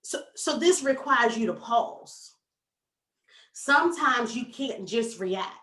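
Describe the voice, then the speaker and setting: A woman success coach giving a motivational talk, animated and folksy, addressing the audience directly. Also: fairly high pitch, takes it slowly, far from the mic. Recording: echoey room, voice from off mic.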